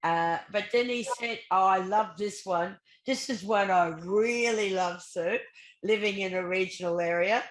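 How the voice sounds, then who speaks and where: A woman's voice: mid-range voice, measured pace, roomy sound. An Australian woman co-hosting a casual chat about the federal budget, reading out figures and reacting to them. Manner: chatty, laughs at the figures, reads out numbers. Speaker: co-host. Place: regional home.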